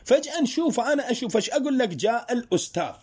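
A man teaching a grammar lesson. He explains slowly through worked examples and asks his students rhetorical questions. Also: very high voice, very animated, darkish tone, breathy edge. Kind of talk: spoken Arabic grammar lesson.

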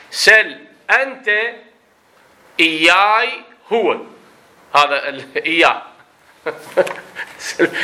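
Male grammar teacher, bright tone, patient step-by-step explainer. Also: on the high side. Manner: explains step by step, checks understanding with questions. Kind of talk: classroom lecture.

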